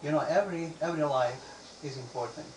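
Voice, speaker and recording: Speaking fast in a voice on the high side, a man from Bosnia puts halting questions to a speaker from the audience, stumbling into restarts and repeated words. The mic is distant, the room echoes, and background noise is clearly audible.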